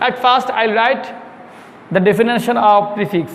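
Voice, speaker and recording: High-voiced male teacher in an echoing classroom. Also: a bit bright, a little hiss or hum. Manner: repeats terms slowly, quizzes the class, mixes English in. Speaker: school English teacher. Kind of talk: classroom grammar lesson.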